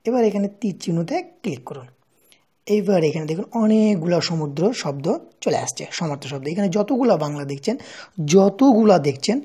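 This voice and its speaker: A woman's voice: lowish voice, mellow, slightly rough. A woman hosting a screen-recorded app tutorial, walking through each step and often checking in with the listener. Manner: step-by-step, checks in with rhetorical questions. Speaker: tutorial host.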